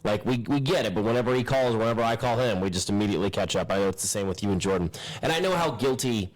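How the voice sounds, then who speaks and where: A man in his thirties co-hosting a casual home podcast at a kitchen table, talking in an animated, rambling way with many restarts. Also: lowish voice, quick pace, poor audio. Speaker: podcast co-host. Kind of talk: casual chat.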